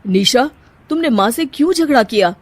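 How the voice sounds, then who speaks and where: A woman voicing a patient, meek young husband who speaks softly and calmly, for a cartoon. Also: fairly high pitch, normal speed, no room sound, voice pushed up. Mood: gentle. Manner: soft, calming.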